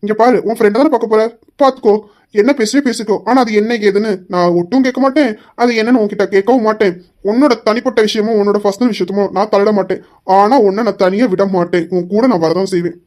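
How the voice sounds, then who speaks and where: A woman's voice: mid-range voice, darkish tone, natural voice. Woman voicing a teasing stubborn husband. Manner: mock-sweet teasing, drawn-out pleading.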